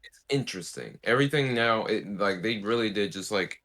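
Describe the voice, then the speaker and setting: Animated male co-host, bright voice, jokey and profane, casual chat. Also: on the low side, a little fast. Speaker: podcast co-host.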